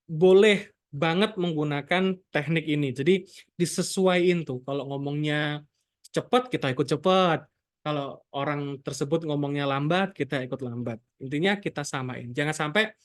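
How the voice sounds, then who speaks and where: A man who practises NLP, giving a relaxed, chatty lesson and dropping English terms into his explanations. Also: on the high side. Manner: chatty, loose teaching talk with English terms and frequent "gitu" tags. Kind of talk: casual explanatory lecture.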